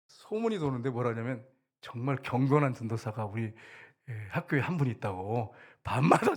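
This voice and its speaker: A middle-aged male pastor with a voice that sits a little high, preaching in a church. He tells stories in a loose, chatty way and drops into the voices of the people in them. The delivery rises and falls between loud appeals to the congregation and quiet storytelling. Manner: conversational preaching, acting out quoted voices. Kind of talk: sermon. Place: church sanctuary.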